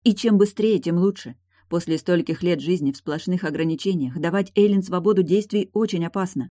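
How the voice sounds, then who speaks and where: A woman reading an audiobook, voicing a brash, sharp-tongued retired guardswoman who is mocking, blunt and pushy. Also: lowish voice, fairly quick, no room sound, clean studio sound, voice pushed up, lightly acted. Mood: scheming.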